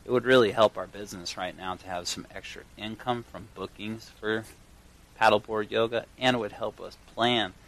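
A man with a fairly low voice hosts his own show from a garage. He speaks in an earnest, enthusiastic monologue, setting out his phrases deliberately as he addresses listeners directly. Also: steady tone, gravelly, fairly bright tone, low-quality recording. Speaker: podcast host and yoga teacher. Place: in a garage, recording at a home studio setup.

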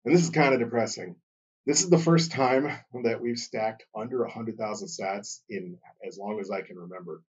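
A man hosting his own podcast in a casual, chatty way, his voice jumping up and down in pitch and loudness, with many fillers. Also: moderate pace, slightly rough, recorded from a distance, dull audio. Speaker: podcast host. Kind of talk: casual solo podcast talk.

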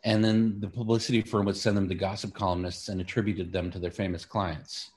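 A man's voice: deep voice, little pitch movement, fairly quick, darkish tone. A man talking casually and wryly in an interview, rambling with lots of filler words. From Queens, New York City. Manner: rambling, wry, peppered with like and you know. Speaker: stand-up comedian guest.

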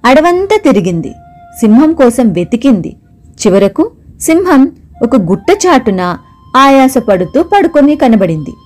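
Woman, storybook narration, lively swooping delivery, slightly high voice, faint music behind. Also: measured pace. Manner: animated, dramatic. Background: soft music.

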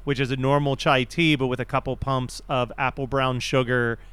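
A man co-hosting a casual movie podcast, talking quickly, laughing often and acting out quoted lines. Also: mid-range voice, little pitch movement, fairly bright tone, smooth. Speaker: podcast co-host.

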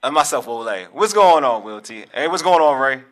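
Brief: young male podcast host, lively swings in pitch, bright tone, teasing banter. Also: moderate pace. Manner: laughing, joking, animated teasing. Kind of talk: casual sports podcast banter.

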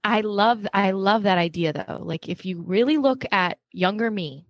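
A woman's voice: mid-range voice, normal speed, no room sound, highs cut off. Chatty woman host, dry close sound. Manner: chatty storyteller, trailing fillers. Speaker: podcast host. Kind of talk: casual podcast chat.

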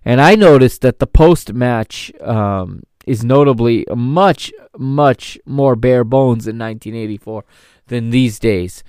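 A man's voice: mid-range voice, takes it slowly, a little mellow, clean tone, no room sound, clean studio sound. A man in his thirties hosting a podcast, reflecting on an old football match in a rambling, casual way. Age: 30s. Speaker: podcast host. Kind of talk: casual retrospective football commentary.

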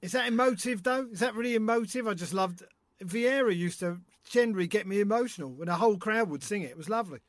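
A man's voice: sits high, no echo, studio quality. A man co-hosting a casual football podcast, chiming in with short laughing remarks. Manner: quick laughing interjections. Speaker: podcast co-host. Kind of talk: casual chat.

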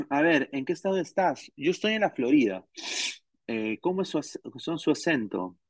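A man's voice: on the high side, big pitch swings, normal speed, dry recording. Rambling Peruvian man, dry mic. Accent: Peruvian Spanish. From Peru. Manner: rambling, many restarts and slang. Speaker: podcast host. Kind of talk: casual live-stream chat.

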